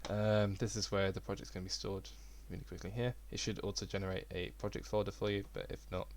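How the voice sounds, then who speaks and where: A young man with a lowish voice talks through a game engine tutorial in a loose, casual way. He rambles a little and pokes fun at himself as he clicks through the steps. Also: fast talker, slight background noise. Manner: relaxed, rambling, self-deprecating. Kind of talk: casual screen-recorded tutorial.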